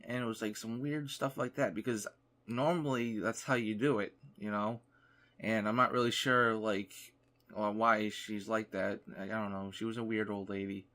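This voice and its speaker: A man's voice: lowish voice, steady tone, moderate pace, bright, forceful tone. A young man, a gaming YouTuber, casually telling a rambling story over gameplay and filling his talk with "like.". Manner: rambling, lots of "like" fillers.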